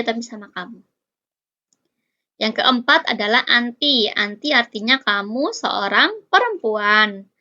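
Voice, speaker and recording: A woman's voice: fairly high pitch, pushed and bright, lo-fi sound. A woman teaching a casual lesson, explaining patiently and stretching out example words, with rising quiz-like questions; her first language is Indonesian.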